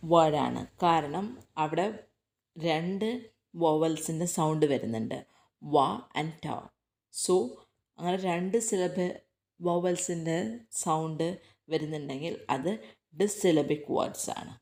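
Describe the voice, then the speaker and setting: A woman with a Malayali accent teaching a textbook lesson, reading English lines slowly and deliberately, then explaining them quickly. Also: deep voice, a little mellow.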